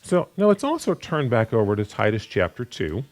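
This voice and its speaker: Animated, stammering male Bible teacher. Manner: halting, with frequent repeated words and restarts; animated pitch, rising sharply for emphasis. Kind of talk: unscripted Bible study sermon.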